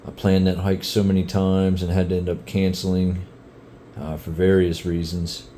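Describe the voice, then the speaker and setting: Breathless out on a trail, this middle-aged man vlogs about his hike in a casual, laid-back style heavy with fillers. His voice sits low with a dark tone, delivered flatly at a normal speed, and there's slight noise in the background.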